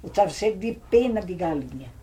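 A woman's voice: lowish voice, expressive, a little fast, mellow, slight background noise, rough recording. An older woman with a Brazilian accent telling old family stories in a rambling, vivid way. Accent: Brazilian Portuguese. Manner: rambling, vivid, re-enacts scenes with exclamations. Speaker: family elder recalling old times. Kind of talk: casual oral storytelling.

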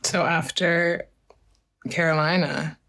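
A woman's voice: sits low, steady tone, slow, gravelly, fairly bright tone. A woman interviewing her partner in a casual chat, teasing and playful.

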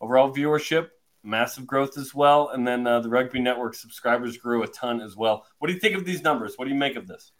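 A man's voice: medium pitch, fairly quick, fairly bright tone. Upbeat male sports podcast host. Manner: upbeat, reads stats with fillers.

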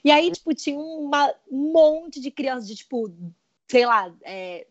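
A woman's voice: sits high, lively intonation, measured pace, muffled recording. A woman telling a dramatic story in a casual chat, acting out what people said. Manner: dramatic storytelling with acted-out quotes.

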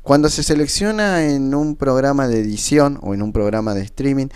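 A man giving a casual spoken software tutorial into his computer's built-in microphone, with frequent fillers. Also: mid-range voice, moderate pace, clear, resonant tone, no echo. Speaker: tutorial presenter. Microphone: computer's built-in default microphone.

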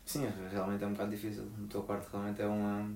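A young man with a European Portuguese accent hosting a podcast in casual, chatty talk, often chiming in with quick agreements. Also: fairly low pitch, monotone, darkish tone. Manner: quick, chatty, affirming interjections. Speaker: podcast host. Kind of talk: casual chat. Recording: roomy echo.

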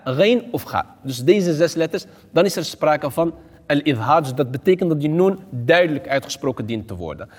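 A man's voice: on the high side, a little mellow, husky, long reverb tail. A man, an imam, giving a Quran recitation lesson. He chants example verses and patiently contrasts correct and wrong pronunciations.

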